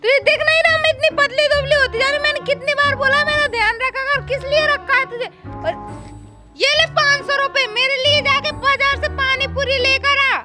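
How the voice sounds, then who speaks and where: Comedy skit: shrieking, bossy, always-hungry old woman, as a woman acts it out, very high voice, music behind. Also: steady tone, moderate pace. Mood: scolding. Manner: whiny, shouting demands. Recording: background music under the voice.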